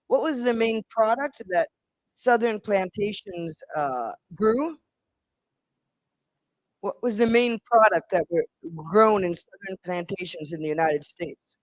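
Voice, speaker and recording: A middle-aged woman professor giving an academic lecture, deliberate, repeating words and restarting phrases, asking the audience questions and answering them herself. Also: mid-range voice, animated, dry recording, low-quality recording.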